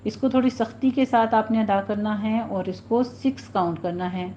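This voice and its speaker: A woman teaching Quran recitation rules, with a Pakistani Urdu accent, speaking patiently and drawing out example words slowly to demonstrate. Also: mid-range voice, fairly even intonation, warm tone. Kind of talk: tajweed lesson, explaining and demonstrating recitation. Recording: dull lo-fi recording with faint hiss.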